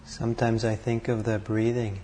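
A man leading a guided meditation, calm and unhurried, speaking in short phrases with long pauses between them. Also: fairly low pitch, a little hiss or hum. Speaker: meditation teacher.

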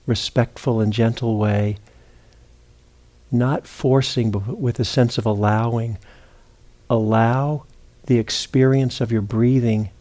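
A male meditation teacher with a mid-range voice offers guided instructions gently and without hurry, pausing at length between phrases.

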